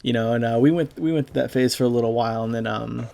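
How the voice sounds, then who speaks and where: A young man giving a halting, casual voice-over over gameplay, full of fillers and swearing, as a clan leader recalling a friend. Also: mid-range voice, gravelly, mellow, slight background noise. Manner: halting, rambling, heavy with fillers; casual and profane. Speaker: gaming YouTuber and clan leader.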